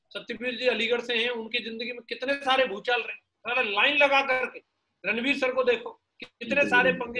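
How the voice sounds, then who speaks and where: Guy fired up pep talking his sales team, high bright voice, slangy and blunt. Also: low-quality recording. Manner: punchy, colloquial, peppered with slang and rhetorical questions. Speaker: MLM motivational speaker. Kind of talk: motivational talk to a sales team.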